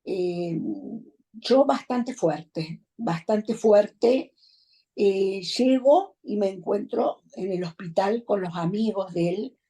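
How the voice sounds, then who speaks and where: A woman's voice: medium pitch, dark tone. Reflective middle-aged Argentine woman. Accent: Argentine Spanish. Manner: measured, reflective, with frequent pauses and fillers. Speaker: bereaved mother giving testimony. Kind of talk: personal testimonial storytelling.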